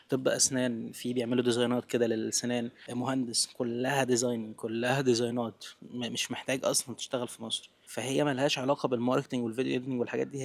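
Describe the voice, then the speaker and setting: Egyptian guy in his 20s just talking off the cuff, super fast, casual and direct like chatting w a friend, bits of english mixed in. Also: mid-range voice. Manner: informal, direct, speaks as if to a friend, mixes in English terms. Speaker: vlogger giving business advice. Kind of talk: natural unscripted talk to camera, casual.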